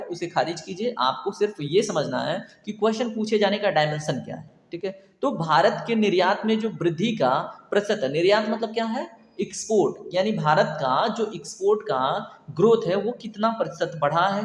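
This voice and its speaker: A man's voice: high-pitched, roomy sound, in a large hall. A man teaching an exam prep lecture, asking questions and answering them himself, repeating key answers. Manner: repetitive quizzing, asks and answers himself.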